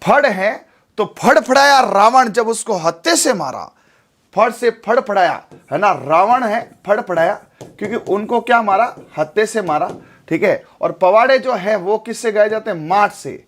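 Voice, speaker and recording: High-voiced chatty teacher. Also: male voice, lively intonation, a little slow, fairly bright tone. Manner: chatty, repeats tag questions like "theek hai". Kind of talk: live exam-prep lesson.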